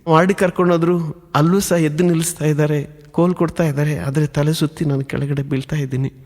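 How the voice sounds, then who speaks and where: A man's voice: on the high side, fairly even intonation, fast talker, a little mellow. A man preaching, telling his personal testimony in an earnest, emotionally building storytelling manner. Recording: long hall reverb.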